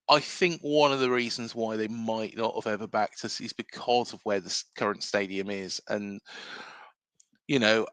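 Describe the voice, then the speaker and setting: A chatty English man hosting a fan-run football show, talking in a lowish voice. He rambles with plenty of "um"s and "you know"s. The sound is dry and close, with no room around it. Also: fairly bright tone, no room sound. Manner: chatty, rambling, many fillers, reads viewer comments. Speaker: football podcast host. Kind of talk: casual livestream chat.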